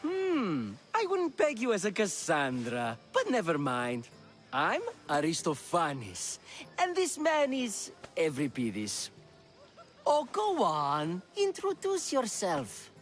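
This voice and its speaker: A man's voice: high voice, wildly swooping pitch, slow, full character voice. An actor playing a teasing, theatrical male comic playwright in a video game. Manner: teasing, theatrical, loves his own jokes. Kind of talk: video game character dialogue.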